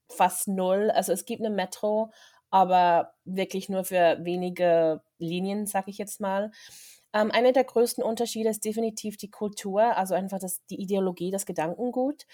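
A woman's voice: mid-range voice, steady tone, normal speed, mellow. A young woman, a film director chatting as a guest on a podcast, thoughtful and hesitant with many fillers. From Switzerland. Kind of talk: casual interview chat.

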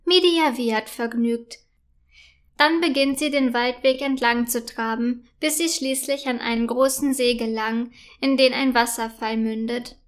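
A woman gently narrating a children's story. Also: fairly high pitch, fairly even intonation, measured pace, smooth.

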